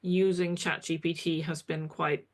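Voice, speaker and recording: A woman's voice: deep voice, flat delivery, a little slow. A woman practitioner being interviewed, reflecting candidly and retelling her own experiences. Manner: reflective, candid, tells stories with quoted asides. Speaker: kinesiology practitioner, guest. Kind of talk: conversational interview.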